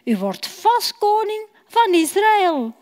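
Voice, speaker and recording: A woman's voice: extremely high pitch, big pitch swings, takes it slowly, darkish tone, voice pushed up, exaggerated voice. A woman voicing an honest, doubting male listener in a children's Bible story. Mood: doubtful. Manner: questioning and doubtful. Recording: long church hall reverb.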